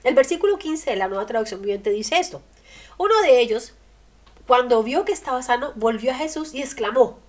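Woman, radio preacher, higher-pitched voice, emphatic delivery with rhetorical questions. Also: expressive, a little fast. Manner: emphatic, rhetorical questions, swings loud and soft. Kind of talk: sermon on the radio.

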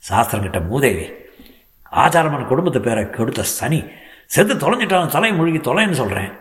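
A man's voice: fairly low pitch, brisk, reverberant, big-room sound, lightly acted. A man playing a stern, angry orthodox son. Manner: shouting, harsh.

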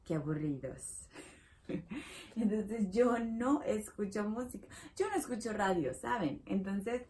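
Slow, patient woman teaching English. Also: mid-range voice, slight background noise. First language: Spanish. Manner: patient and repetitive, with sudden excited exclamations; drawn-out slow model phrases. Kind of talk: playful online English lesson in Spanish.

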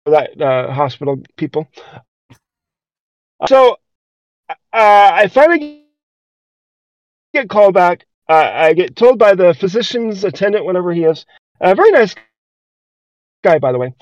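A man's voice: high-pitched, big pitch swings, measured pace, pauses often, no room sound. A man co-hosting a podcast, telling a story in a casual, rambling way, full of hesitations and restarts. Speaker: podcast co-host. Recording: dull lo-fi dry recording.

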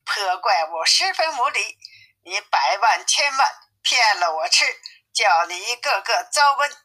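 A woman's voice: medium pitch, animated, unhurried, sharp tone, rough recording. A woman voicing a grumbling male pig spirit monk who curses his captor, in a storybook reading. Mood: angry. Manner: cursing, complaining.

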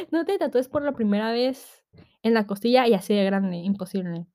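A young woman of nineteen with a Mexican accent talks through her stories on a casual podcast. Her voice sits a little high, and she talks in a loose, slang-heavy way, slipping into the voices of the people she quotes. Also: big pitch swings, measured pace, warm tone, dry recording, clean studio sound. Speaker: podcast host. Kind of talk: casual storytelling monologue.

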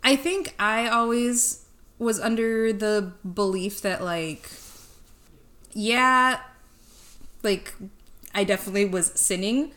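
A woman's voice: mid-range voice, takes it slowly, pauses often, a bit bright. A young woman from the Chicago area co-hosting a podcast in casual chat, talking loosely with lots of "like" and casual swearing. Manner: chatty, swears freely, many "like" fillers. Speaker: podcast co-host.

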